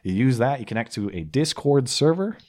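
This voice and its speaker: A man's voice: medium pitch, lively intonation, fairly quick, darkish tone. A young man hosting a call-in show, chatting casually with jokes and rambling asides. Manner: joking, rambling, self-mocking. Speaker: host.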